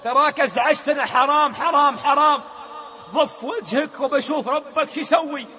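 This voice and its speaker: A man's voice: very high-pitched, moderate pace, bright, forceful tone, pitched above the performer's own voice. A man voicing a rude young man who scornfully brushes off a preacher, recorded with long reverb. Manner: scornful, dismissive.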